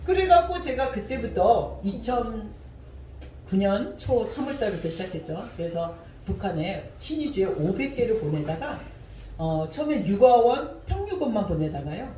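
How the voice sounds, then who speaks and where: A woman's voice: mid-range voice, big pitch swings, moderate pace, dark tone, echoey room, far from the mic, a little hiss or hum, poor audio. A woman giving a personal testimony during a church service, telling her story vividly and often laughing.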